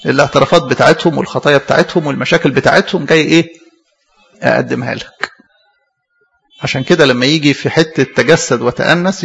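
A man's voice: fairly high pitch, creaky, fairly bright tone, breathy edge, big-room sound. A middle-aged man with an Egyptian Arabic accent, a priest preaching a sermon who keeps asking rhetorical questions and answering them himself, and who tells stories with acted quotes.

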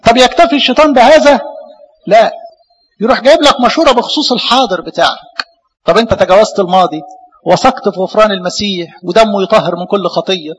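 Egyptian priest, sermon; bright high voice, long hall reverb, questions the flock. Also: male voice, quick pace, husky. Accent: Egyptian Arabic. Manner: animated preaching with rhetorical questions.

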